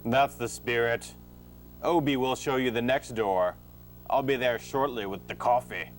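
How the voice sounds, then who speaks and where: A man playing a smooth-talking, unethical professor with a pompous, falsely genial manner in an amateur comedy audio drama. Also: medium pitch, a little slow, slight background noise, natural voice.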